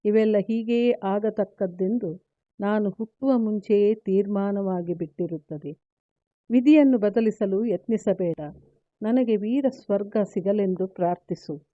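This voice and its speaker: A woman's voice: medium pitch, unhurried, warm tone, dry recording, natural voice. A woman reading a solemn grieving warrior son. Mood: resolute. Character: grieving noble male warrior son, resolute. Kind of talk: read-aloud epic storytelling. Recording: tinny phone-like, dry.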